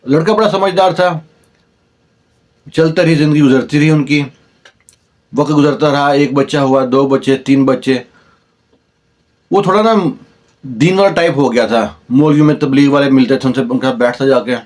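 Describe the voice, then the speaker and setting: A man's voice: mid-range voice, long pauses, darkish tone. A man with a Pakistani Urdu accent telling a long village story in a conversational way, briefly voicing the people in it. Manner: conversational, acts out dialogue in the telling. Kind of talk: oral storytelling.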